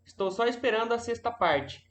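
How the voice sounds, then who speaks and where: A man's voice: very high voice, expressive, brisk, fairly bright tone. A man moderating a live session, reading out viewer questions and giving brief acknowledgments between them.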